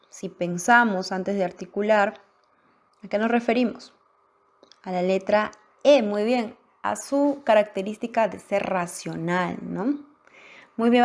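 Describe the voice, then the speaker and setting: A woman's voice: medium pitch, a little mellow. A woman teacher going through practice exam questions, asking the class for each answer and affirming it. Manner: questioning, pausing for answers, affirming "muy bien". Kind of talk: guided exam-practice lesson.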